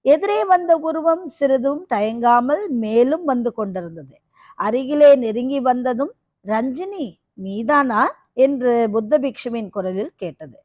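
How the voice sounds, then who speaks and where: High-voiced woman narrating a novel. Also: lively intonation, measured pace, warm tone, dry recording, dull audio. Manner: dramatic, posing rhetorical questions. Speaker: audiobook narrator.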